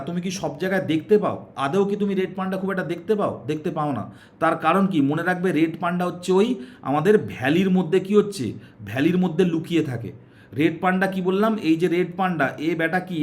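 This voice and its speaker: Brief: male exam coach, West Bengal Bengali, brisk and high-pitched, quizzes the class and answers himself. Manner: asks questions and answers them himself, repeating "okay"; coaxing, uses story tricks to aid memory. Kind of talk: classroom-style exam prep lesson.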